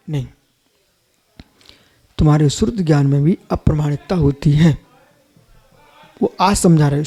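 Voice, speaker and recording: A man's voice: high voice, warm tone. A man, a Jain monk, giving a live sermon, emphatic, repeating phrases and questioning his listeners directly.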